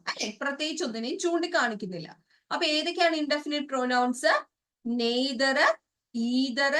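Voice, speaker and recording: A woman's voice: high voice, fairly bright tone, distant mic. A woman with a Malayali accent teaching an English grammar lesson for exam prep, explaining step by step and asking checking questions.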